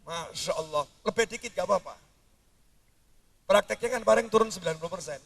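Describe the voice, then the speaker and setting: A man preaching a sermon, jumping between high outbursts and low mutters. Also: brisk, vocal fry, fairly bright tone, recorded from a distance.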